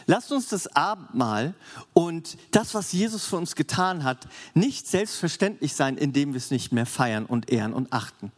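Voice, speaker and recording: A man preaching a sermon to a congregation in a lively, conversational way, often asking them for agreement. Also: a little high, normal speed. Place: large church hall. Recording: long hall reverb, faint music behind.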